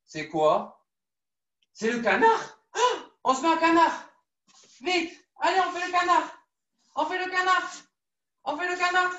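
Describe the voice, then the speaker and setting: A woman with a high voice leads a children's judo class, coaxing and lively as she repeats every instruction. She sounds echoey and far from the mic, as if filmed across a room. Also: a little slow, pauses often, muffled recording. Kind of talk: live online kids' class, story-led exercises.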